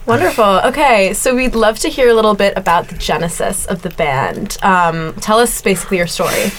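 A woman's voice: medium pitch, brisk, slight background noise. A young woman hosting a music interview, discussing a song thoughtfully and analytically. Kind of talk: student-style music review and interview.

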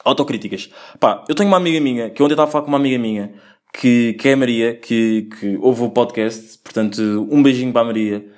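Fast-talking, slangy young man. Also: mid-range voice, a little mellow. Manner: slangy, rambling, lots of swearing and filler. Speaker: podcast host. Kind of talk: casual solo podcast monologue.

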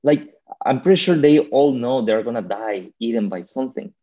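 A man's voice: medium pitch, lively intonation, moderate pace, muffled recording. A man in his twenties in casual, reflective chat, rambling informally as he thinks aloud.

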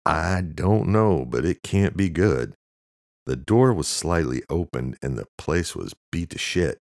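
A man with a very deep voice playing a crude, quick-tempered young male artist who swears and shouts when angry. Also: animated, gravelly, no room sound, studio quality, heavily acted. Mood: shaken. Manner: profane, sarcastic, shouting in anger.

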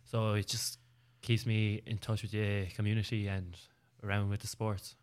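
A man's voice: on the low side, little pitch movement, normal speed, clear, resonant tone. A man with a Limerick Irish accent, answering interview questions in a plain, matter-of-fact way with some hesitation. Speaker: guest. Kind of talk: casual interview.

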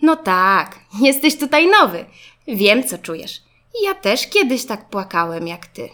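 A woman's voice: on the high side, very animated, measured pace, a bit bright. A woman voicing a friendly, reassuring little boy car in a children's storybook, eager and upbeat. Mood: kind. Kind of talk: storybook reading.

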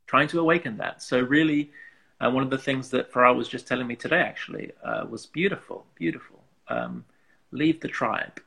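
A man from England with an English accent and a gravelly, slightly husky voice, talking earnestly and reflectively as an interview guest, working out thoughts in broken phrases. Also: mid-range voice, sing-song, fairly quick, sharp tone. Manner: earnest, searching, thinks aloud in broken phrases. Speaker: interview guest, musician and artist.

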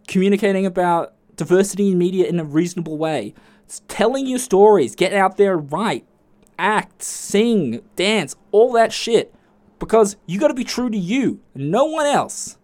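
A man with an Australian accent hosting a podcast alone, telling stories in a casual, chatty way and swearing freely. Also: normal speed. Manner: chatty, swears freely, jumps to high excited pitch. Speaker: podcast host. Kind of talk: casual solo podcast storytelling.

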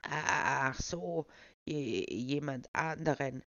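A man voicing a young man who fakes a frail old man, with a croaky, trembling voice, slow and stammering. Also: medium pitch, no room sound, highs cut off, heavily acted. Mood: deadpan. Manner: slow, halting, stammering, deadpan.

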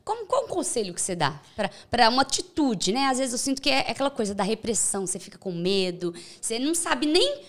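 A woman with a Brazilian accent hosting a casual interview, conversational and quick to agree. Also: a little high, very animated. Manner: conversational, frequent agreeing fillers. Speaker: interview host.

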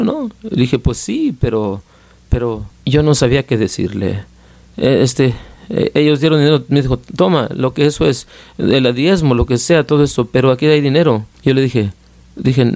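Halting man interpreting a sermon, warm voice. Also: medium pitch, vocal fry, no echo. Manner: halting, often repeats and restarts words. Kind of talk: sermon in translation.

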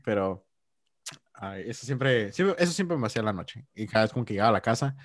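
A young man hosting a podcast, chatting casually and telling stories with lively slang. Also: fairly low pitch, a little fast, no room sound, clean studio sound. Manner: animated storytelling with Mexican slang. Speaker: podcast host. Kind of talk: casual chat.

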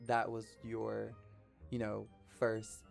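A man co-hosting a casual podcast, chatty and full of fillers and quick affirmations. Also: fairly low pitch, monotone, creaky, soft background music. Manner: chatty, lots of likes and affirmations. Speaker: podcast co-host. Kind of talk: casual chat.

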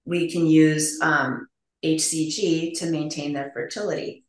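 Speaking in a low, steady voice, a woman clinician lays out testosterone treatment options in plain terms during a podcast interview. She's practical and explanatory and laughs easily, and the recording has a roomy echo.

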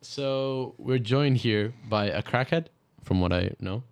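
A man's voice: medium pitch, slow, clear, resonant tone. Crude joking young male co-host. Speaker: podcast co-host. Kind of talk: casual chat.

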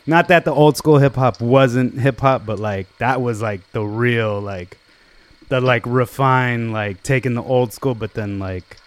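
Smooth-voiced man in his forties. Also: mid-range voice, measured pace. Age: 40s. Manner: rambling, full of "like" and "you know". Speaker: guest musician. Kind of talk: casual interview chat.

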